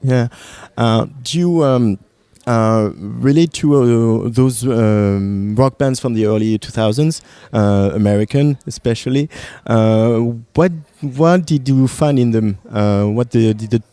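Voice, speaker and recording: A man with a French accent asking interview questions on the radio, hesitant with many pauses. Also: medium pitch, warm tone, clear, resonant tone, no echo. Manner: hesitant, many "uh" and frequent laughs.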